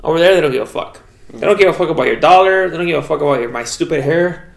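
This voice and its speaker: Young man with a gravelly, raised voice. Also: a little high, very fast. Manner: loose, profane storytelling with quoted voices. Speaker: podcast co-host. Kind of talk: casual podcast chat. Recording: echoey room.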